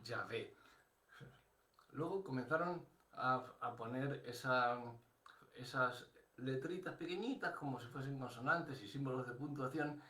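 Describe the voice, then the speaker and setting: A man's voice: mid-range voice, unhurried, sharp tone, echoey room. An older man with a Spain Spanish accent preaching a sermon as pastor, conversational, thinking aloud with restarts and asides.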